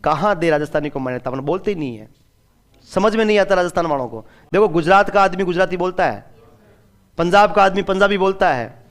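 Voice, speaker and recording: A man teaching an exam-prep class in a chatty way. He asks his students questions and then answers them himself, and he drops in phrases of local dialect. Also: high voice. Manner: slips into regional dialect phrases. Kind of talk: classroom lecture.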